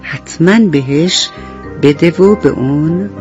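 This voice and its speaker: A woman telling a bedtime story to children on the radio, gentle and affectionate as she talks to her young listeners. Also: sits low, dull audio, loud music behind the voice.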